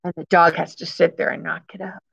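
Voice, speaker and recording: A woman in her fifties reads a picture book to young children in a school classroom, adding simple explanations and repeating key phrases as teachers do. Her fairly low voice is gravelly and husky yet a bit bright, with a level tone and a fairly quick pace.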